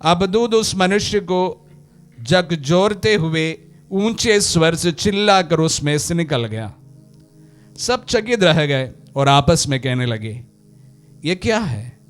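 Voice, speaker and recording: A male priest reading the gospel at Mass and preaching in a slow, measured way. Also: fairly high pitch, animated, clear, resonant tone, faint music behind. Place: church.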